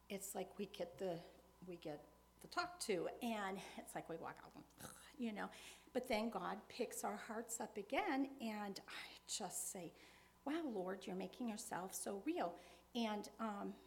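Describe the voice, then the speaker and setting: A pastor's wife speaks to her congregation in an earnest, conversational way, blending an informal sermon with personal testimony. Her mid-range voice is creaky, she often pauses on fillers and soft laughs, and there's slight background noise.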